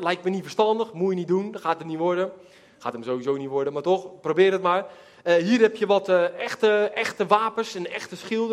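A man preaching a sermon, telling a Bible story in a lively way, acting out the characters and laughing now and then. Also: high voice. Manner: animated, acts out characters, laughs while telling.

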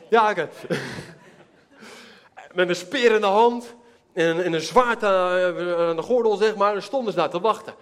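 A man preaching a sermon, telling a Bible story in a lively way, acting out the characters and laughing now and then. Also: high-pitched, unhurried, pauses often. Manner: animated, acts out characters, laughs while telling.

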